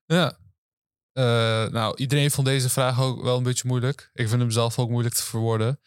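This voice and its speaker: A young man hosting campus interviews, chatting in a relaxed, rambling way with many fillers. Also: mid-range voice, normal speed, clear, resonant tone, dry recording, studio quality. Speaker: host and interviewer. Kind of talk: casual chat. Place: outdoors on a university campus.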